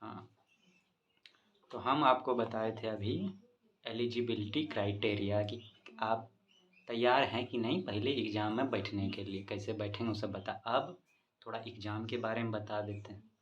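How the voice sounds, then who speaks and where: A man's voice: fairly low pitch, steady tone, normal speed, muffled recording. Folksy Bihari man explaining an exam. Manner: chatty and folksy, asks the listener questions. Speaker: exam coaching presenter. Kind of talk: casual explainer lesson.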